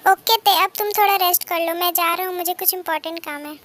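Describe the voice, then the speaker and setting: A woman's voice: very high-pitched, fairly even intonation, fast, a bit bright. A woman voicing a jealous hot-tempered teen boy. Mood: caring. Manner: scolding, possessive. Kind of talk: fan-dubbed love story.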